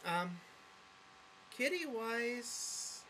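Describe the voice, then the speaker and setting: A woman's voice: a little high, very animated, drawn-out words, pushed and bright, slight background noise, low-quality recording. A woman talking casually to camera in a vlog monologue. She rambles, corrects herself often and gets sidetracked, with an earnest, openly affectionate manner. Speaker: vlogger.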